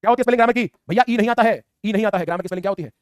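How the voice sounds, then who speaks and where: A high-voiced man rattling through a class at top speed, teasing students with "है ना" after almost every line. He sounds like a teacher talking close to the mic in a dry room with no echo. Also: very fast. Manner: teasing, playful, repetitive tag questions. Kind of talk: fast online class lecture.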